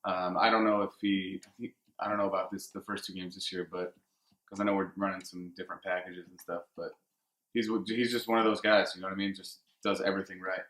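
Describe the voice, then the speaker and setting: Guy cohosting sports radio from his house, low bright voice, laid back, roomy echo. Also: brisk. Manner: laid-back, relaxed talk with fillers. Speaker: co-host. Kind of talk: casual sports radio chat. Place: home. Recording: echoey room.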